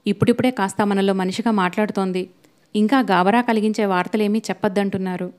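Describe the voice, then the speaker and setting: A woman's voice: mid-range voice, fairly even intonation, fast, a little mellow. A woman reading a novel aloud as an audiobook narrator, voicing every character's lines in her own voice. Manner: reads all characters' dialogue in her own voice.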